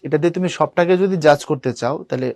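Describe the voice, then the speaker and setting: A man's voice: a little high, fast talker, darkish tone, dry recording, studio quality. Chatty young man tutoring an online class. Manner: casual, chatty, addresses students directly, asks them questions. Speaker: university admission tutor.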